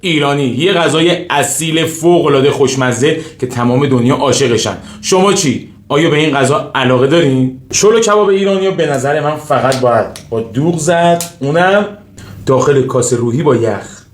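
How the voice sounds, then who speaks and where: Iranian man mukbang eating in echoey room. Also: a little high. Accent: Iranian Persian. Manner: eating while talking, with savoring hums. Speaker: mukbang host. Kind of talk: casual mukbang eating chat to viewers. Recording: roomy echo, faint noise, clinking dishes.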